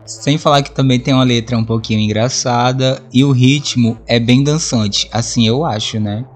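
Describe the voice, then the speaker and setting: Brief: male podcast host, relaxed chat about music, lively and a bit crude. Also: mid-range voice, normal speed. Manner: lively storyteller who acts out his own reactions; swears casually. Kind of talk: casual monologue about favorite songs.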